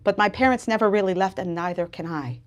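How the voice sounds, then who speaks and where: Talking fast in a mid-range voice, an American author gives an expressive reading and book talk about her novel. She is dramatic and emphatic, speaking at a live bookstore event.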